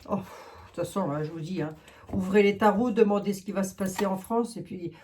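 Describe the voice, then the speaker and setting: A woman's voice: medium pitch, a little fast, a little mellow, a little hiss or hum. A woman giving a casual tarot reading to her viewers, thinking aloud with many fillers and asides. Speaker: tarot reader.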